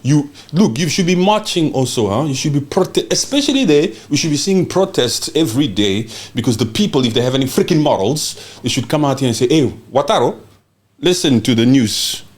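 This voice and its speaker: Fiery, animated male political podcaster. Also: mid-range voice, fairly quick. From Congo. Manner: fiery, emphatic, swears and repeats "you understand?". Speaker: podcast host. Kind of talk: impassioned political talk.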